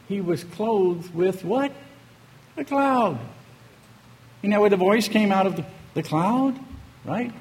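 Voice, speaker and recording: A man preaching a sermon, emphatic and full of rhetorical questions, often checking in with "okay?" and "right?". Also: on the high side. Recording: echoey hall with faint ambient noise.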